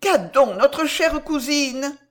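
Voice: medium pitch, animated, unhurried, pitched above the performer's own voice, natural voice. A narrator voicing a scheming queen mother who feigns grief and gives urgent commands in an audiobook reading. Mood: trembling.

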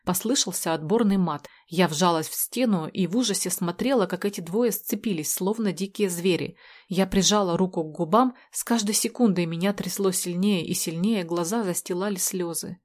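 A woman narrating a story in the first person in a steady, measured way. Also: on the low side. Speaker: audiobook narrator.

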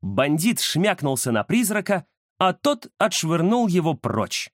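A man narrating a children's adventure story in a dramatic, expressive way. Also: a little high, measured pace, no echo, studio quality.

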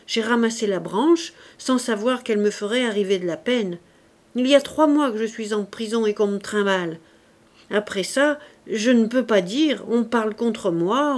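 A woman voicing a poor, bewildered old male vagrant in the dock, protesting loudly and rambling. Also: fairly high pitch, lightly acted.

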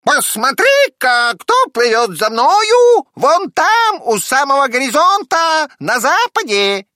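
A man voicing a cheeky, excitable male parrot with shrill, drawn-out exclamations. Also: no echo, studio quality, exaggerated voice. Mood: excited.

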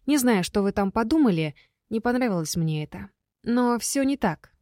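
A woman reading a first-person fantasy audiobook aloud, telling the story in an expressive way. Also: a little high, normal speed, no room sound, clean studio sound. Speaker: audiobook narrator.

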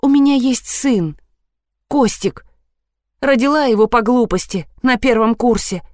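A woman voices a tearful young woman who whines and begs, her voice pitched high and strained. Every line comes out wailing and pleading, in a dry, close recording. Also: unhurried, a little mellow, no room sound, close to an everyday voice.

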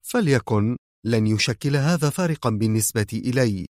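A man voicing a calm, smug male villain who mocks his captive quietly and without hurry. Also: medium pitch, no room sound, studio quality, natural voice. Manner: quiet, mocking and unhurried.

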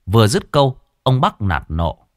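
A man narrating a ghost story with an expressive, varied delivery. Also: mid-range voice, moderate pace, dry recording, clean studio sound.

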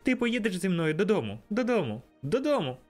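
A man's voice: high voice, sing-song, brisk, faint music behind, pitched above the performer's own voice. A man reading an audiobook, voicing a joyful, eager little girl who chatters breathlessly. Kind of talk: audiobook character voice.

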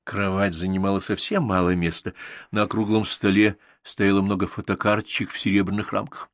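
A man narrating an audiobook in a steady, even storytelling manner. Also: fairly low pitch, a little fast, no room sound, studio quality. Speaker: audiobook reader. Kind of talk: scripted narration.

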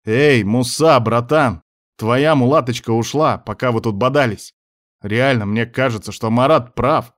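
A man's voice: medium pitch, unhurried, a bit bright, close to an everyday voice. A male reader voicing a crude, leering drunk man at a club who drawls his words.

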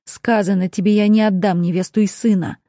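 A protective young nobleman in an audiobook, voiced by a woman narrator. He speaks firmly and heatedly, in a warm, mellow tone. The recording is close and dry. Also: medium pitch, fairly even intonation, fairly quick, no room sound, lightly acted. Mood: defiant. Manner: firm, heated outbursts.

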